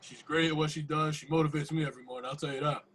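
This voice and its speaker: A man's voice: on the high side, steady tone, rapid-fire, a bit bright, slightly rough. A young man hosting a podcast in casual, slangy conversation, repeating phrases for emphasis. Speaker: podcast host.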